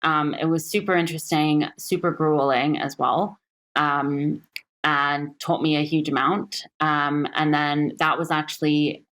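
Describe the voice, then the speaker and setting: Woman, 30s, from Singapore, investor guest; low-pitched, reflective, pauses often. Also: fairly even intonation, fairly bright tone. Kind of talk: podcast interview.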